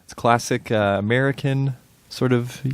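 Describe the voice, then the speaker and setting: A man's voice: mid-range voice, steady tone, moderate pace, smooth, dry recording. A young man co-hosting a podcast, talking in a casual, hesitant way with lots of fillers and easy laughs. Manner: hesitant, many fillers and restarts, laughs easily. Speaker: podcast co-host. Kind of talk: casual chat.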